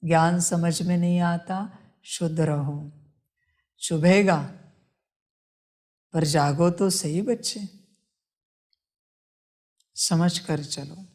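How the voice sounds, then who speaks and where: A woman slowly reading a devotional sermon, repeatedly addressing her listeners as children. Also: on the low side, fairly even intonation, darkish tone. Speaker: spiritual teacher reading a murli.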